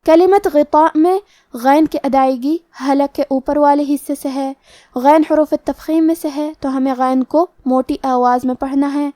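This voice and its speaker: In a dry, clean studio recording, a woman with a Pakistani Urdu accent gives a tajweed lesson with slow recitation. Her high, mellow voice keeps a fairly even intonation as she methodically explains Quran recitation rules letter by letter.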